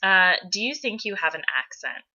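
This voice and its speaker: A woman's voice: mid-range voice, very animated, moderate pace, bright, forceful tone. An American woman talking casually on her own as she answers a questionnaire, with a wry, opinionated way of speaking, on a lo-fi home recording. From United States, born in California, moved between states. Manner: wry, opinionated asides with mild swearing. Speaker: blogger answering an accent challenge.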